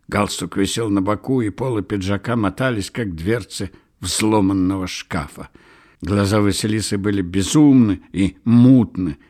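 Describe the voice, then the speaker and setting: A man reading a novel aloud as an audiobook narrator, measured and expressive. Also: sits low. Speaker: audiobook reader. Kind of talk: scripted literary narration.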